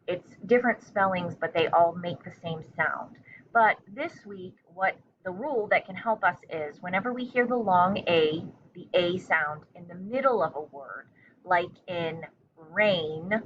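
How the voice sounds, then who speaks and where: On a muffled, lo-fi recording with faint noise, a woman teacher whose voice is on the low side and a bit bright conducts a spelling dictation. She pronounces words carefully and repeats them, instructive and encouraging.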